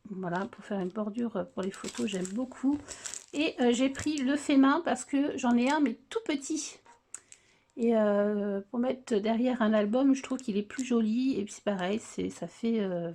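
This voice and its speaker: A middle-aged scrapbooking vlogger chats casually on her video channel, showing off craft purchases and speaking hesitantly with lots of filler sounds and restarts. Her voice is a little high and mellow.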